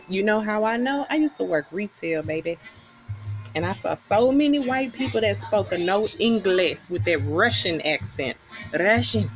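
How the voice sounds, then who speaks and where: Woman, from Texas, fired-up vlog rant, curses freely, hammers her points by repeating them, medium pitch, music playing clearly behind. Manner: blunt, profane, emphatic, repeats lines for stress. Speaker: vlogger. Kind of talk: heated political rant to camera.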